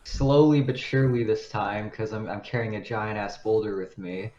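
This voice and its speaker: A man's voice: lowish voice, steady tone, moderate pace, darkish tone, roomy sound, muffled recording. A young man playing a tabletop game, talking casually and joking with slang. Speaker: player.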